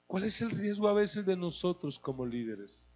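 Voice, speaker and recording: Middle-aged male preacher, lively and funny from the pulpit, raised voice, slightly muffled recording. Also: sits high, moderate pace. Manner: animated, humorous, acts out scenes. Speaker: guest preacher. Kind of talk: sermon. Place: church service.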